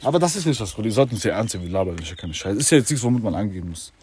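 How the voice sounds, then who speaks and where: A fast-talking man hosts a casual chat. His slangy delivery swings up and down in pitch, with clear noise and ambience behind him. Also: expressive, darkish tone. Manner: slangy, street-style talk. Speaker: podcast host.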